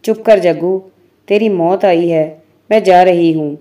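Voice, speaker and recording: A woman voicing a sharp-tongued young village woman who scolds in a low tone. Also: a little slow, close to an everyday voice. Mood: scolding.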